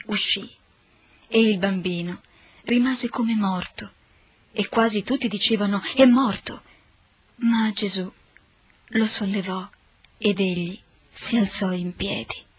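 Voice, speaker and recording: Husky woman reading scripture. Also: mid-range voice, lo-fi sound. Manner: steady, measured reading. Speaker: narrator.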